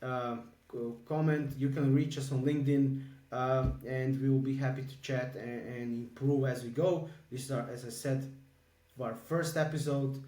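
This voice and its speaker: A man from Croatia co-hosting a podcast in casual chat, halting with many fillers and restarts. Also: medium pitch, a little mellow, far from the mic. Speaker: podcast co-host. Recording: echoey room, a bit off-mic.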